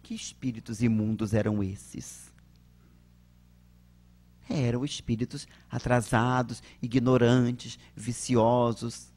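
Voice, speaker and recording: A man with a Brazilian accent giving a public religious lecture at a spiritist centre, measured and posing rhetorical questions. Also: medium pitch, fairly even intonation, darkish tone.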